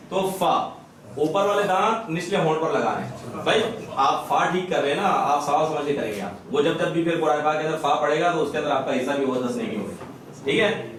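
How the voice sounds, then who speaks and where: A man teaching Quran recitation in a madrassa classroom. He quizzes students over and over and slowly demonstrates each sound. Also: fairly high pitch, a bit bright, a little hiss or hum. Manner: drills students with repeated questions and slow sound demonstrations. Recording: echoey classroom from far off.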